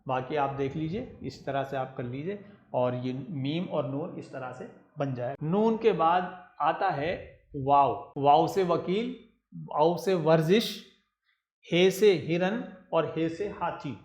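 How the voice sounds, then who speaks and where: A man's voice: fairly high pitch, takes it slowly, a little mellow. A man teaching a children's writing lesson, patiently spelling out letters one by one and repeating each step. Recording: roomy echo.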